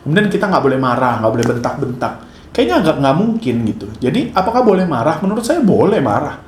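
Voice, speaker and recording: A man's voice: a little high, sing-song, fast, a little mellow. Chatty man in an echoey room. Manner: conversational, joking, switches into acted scolding. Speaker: father and parenting commentator. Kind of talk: casual monologue to camera. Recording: echoey room, faint noise.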